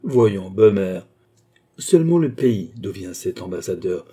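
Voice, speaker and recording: Marie-Antoinette, a mocking queen, read by a husky man. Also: deep voice, sing-song, measured pace, mellow, full character voice. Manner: teasing, laughing, grand. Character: haughty, mocking adult woman queen.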